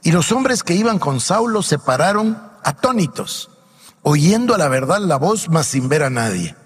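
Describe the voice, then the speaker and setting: A man preaching a sermon, reading scripture aloud and pausing to ask the congregation emphatic questions. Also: on the high side, sing-song, slightly rough, long reverb tail. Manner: reads Bible passages aloud then comments with emphatic questions to the congregation.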